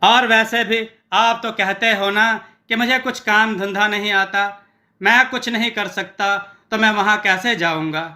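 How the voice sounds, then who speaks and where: A man's voice: sits high, a little slow, pushed and bright, full character voice. A man voicing a timid, lazy young cook who frets over every task. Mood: fretful.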